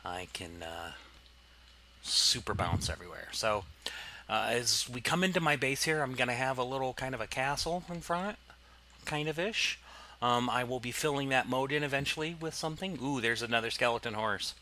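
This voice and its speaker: A man's voice: medium pitch, lively intonation, moderate pace, bright, forceful tone, slight background noise. A man casually commenting on his gameplay, rambling and explaining as he goes, with plenty of fillers. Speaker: let's play host.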